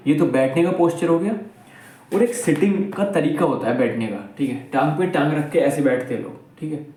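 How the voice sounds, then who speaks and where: A man's voice: fairly high pitch, a little fast, a little mellow. Young male host, blunt and preachy, seated and filmed on a camera mic in an echoey room. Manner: blunt, scolding, repeats "theek hai?" constantly. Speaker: self-improvement video host. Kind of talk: casual advice talk to camera. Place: indoors, seated while filming.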